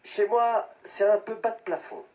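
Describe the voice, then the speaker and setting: A clever young warrior hero in an audio drama, calm and a little sly. His voice is slightly high and heard a little distant from the mic. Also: a little slow.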